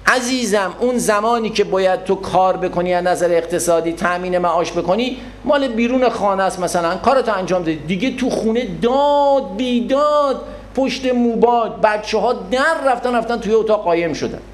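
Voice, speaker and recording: Man, religious lecture, high voice, animated, acts out scenes. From Iran. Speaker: Quran scholar and lecturer.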